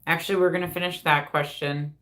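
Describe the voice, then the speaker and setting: A woman's voice: deep voice, fairly even intonation, quick pace, fairly bright tone. A woman hosting a casual live spirit reading, speaking informally and directly to her viewers as a medium.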